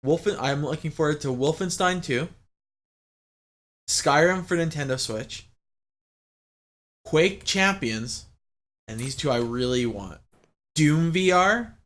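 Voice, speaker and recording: A man's voice: mid-range voice, fairly bright tone. A man co-hosting a casual gaming podcast, laid-back and blunt, with casual swearing. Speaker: podcast co-host. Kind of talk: casual chat about games.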